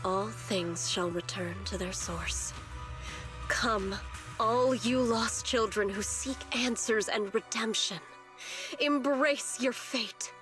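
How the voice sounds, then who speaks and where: A woman's voice: on the high side, slow, music in the background. A woman voicing a fanatical, scheming villainess in a game, theatrical and condescending in her delivery. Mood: smug, mocking. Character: fanatical scheming female villain devoted to a Creator. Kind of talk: scripted video game voice acting.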